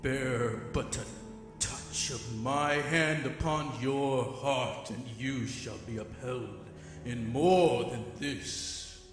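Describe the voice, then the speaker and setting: Man as slow, echoing Ghost of Christmas Past. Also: mid-range voice, soft background music. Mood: grave, guiding. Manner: stately, declamatory. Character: solemn, commanding Ghost of Christmas Past, male spirit. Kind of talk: live staged radio drama. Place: on a theatre stage. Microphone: stand microphone with pop filter. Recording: echoey hall with long reverb.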